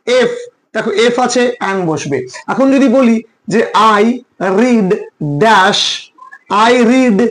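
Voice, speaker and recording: High-voiced Bengali man tutoring English. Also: poor audio. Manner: repeats rules and quizzes students with questions. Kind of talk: classroom lecture.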